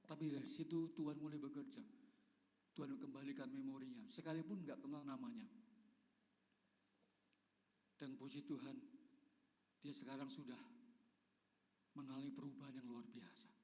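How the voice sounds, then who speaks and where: A middle-aged man preaching a sermon, swinging from loud emphatic calls to hushed, whispered prayers. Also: mid-range voice, fairly even intonation, moderate pace, long pauses. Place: large church hall. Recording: long church reverb.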